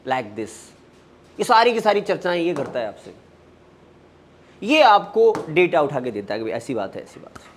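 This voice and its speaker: A man's voice: on the high side, big pitch swings, normal speed, pauses often, slight background noise. A man teaching a wellness class, talking straight to his listeners with questions and acting out little inner dialogues. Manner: acts out inner dialogues in quoted voices; addresses listeners directly with questions. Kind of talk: spoken lecture to a class.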